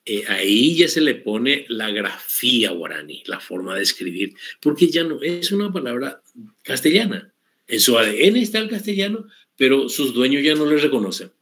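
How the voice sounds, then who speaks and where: A man teaching an online Guaraní language class, explaining patiently and repeating words slowly for his students. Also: mid-range voice, fairly bright tone.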